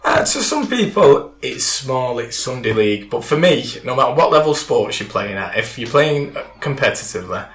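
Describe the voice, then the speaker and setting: A man's voice: mid-range voice, very animated, normal speed, few pauses, fairly bright tone, echoey room. A young man, telling a story in casual chat and swearing freely. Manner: chatty, swears freely, laughs through stories. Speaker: guest.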